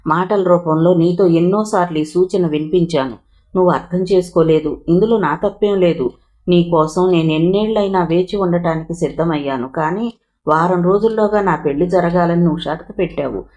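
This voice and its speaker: A woman reading a novel aloud, voicing an earnest young man who pleads calmly and tenderly in a low, steady tone. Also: moderate pace, natural voice. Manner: calm, low-voiced pleading.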